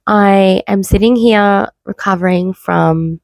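A woman podcast host with a cold and low energy, talking candidly and informally in a personal monologue. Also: takes it slowly, vocal fry, darkish tone, dry recording. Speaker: podcast host, wellbeing coach. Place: bedroom, sitting on bed. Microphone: makeshift mic, not usual podcast microphone.

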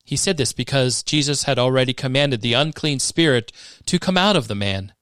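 A man giving a measured, expressive scripted reading of scripture for a podcast. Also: medium pitch, clean tone, no echo, clean studio sound. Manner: measured, expressive reading that rises for dramatic moments. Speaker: scripture reader.

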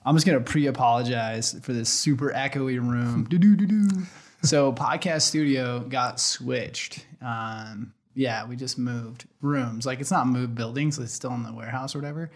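A man's voice: mid-range voice, steady tone, normal speed, few pauses. An American man hosting a casual podcast in a laid-back, slangy way, recorded in an echoey empty warehouse room. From western Oregon, United States. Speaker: podcast host. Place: makeshift podcast studio in warehouse, concrete floor.

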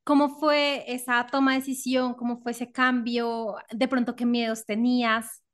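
A woman hosts a podcast in a casual interview, enthusiastic and affirming toward her guest. Her voice sits a touch above the usual pitch. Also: level tone, moderate pace. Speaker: podcast host.

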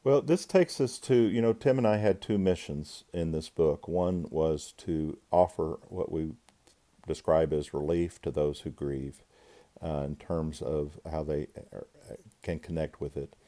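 A man, an author and grief counselor, giving measured, thoughtful interview answers with frequent pauses. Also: extremely low pitch, dark tone.

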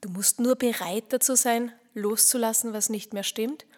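A woman hosting a motivational podcast, speaking earnestly and straight to the listener, often dropping to a soft near-whisper. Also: fairly high pitch, steady tone, normal speed. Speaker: podcast host.

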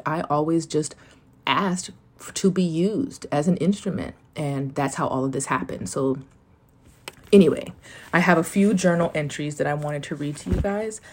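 A woman's voice: low-pitched, darkish tone. An American woman talking candidly and informally, with rambling asides and some swearing, as she reads journal notes and comments on them. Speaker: host telling of a spiritual awakening. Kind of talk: casual solo chat, reading journal entries aloud.

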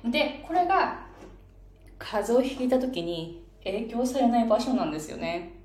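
Lively Japanese-speaking woman pronunciation coach. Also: a little high, moderate pace, reverberant. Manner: lively, explains while pointing to her face. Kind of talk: casual spoken lesson.

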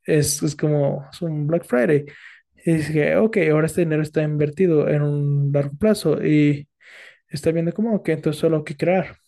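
A man speaking as a podcast guest in a relaxed, reflective, casual conversation, with fillers and restarts. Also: on the high side, moderate pace, gravelly.

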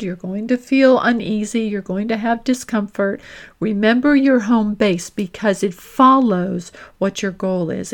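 A woman who works as a career coach and host gives an instructional monologue in a medium-pitched voice. She sets out her points deliberately, stressing each one.

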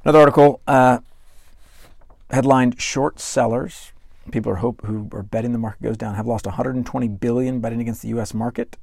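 A man's voice: medium pitch, steady tone, brisk, gravelly, a little mellow, no echo. A man hosting a finance podcast in a conversational manner, reading out news articles and speaking straight to the listener. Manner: conversational, reads quotes aloud and talks straight to the listener. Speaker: finance show host.

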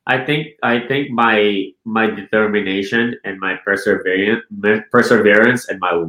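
A man's voice: on the low side, normal speed, sharp tone, reverberant, low-quality recording. A man from the Philippines, a real estate team leader, talks casually in an interview, often checking with "right?" and restarting his sentences. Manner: repeats words and restarts, asks "right?" often.

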